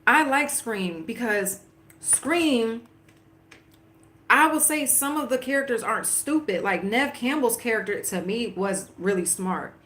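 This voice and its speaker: A woman's voice: on the high side, expressive, a little slow, a bit bright, reverberant. A woman in casual chat while watching a movie, rambling and filling her talk with "like" and "you know". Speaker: livestream host.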